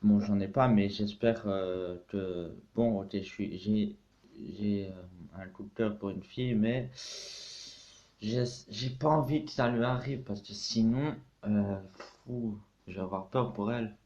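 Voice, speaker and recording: A man's voice: lowish voice, unhurried, warm tone. A man reacting casually to videos, talking in a hesitant, stammering way. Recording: dull lo-fi sound.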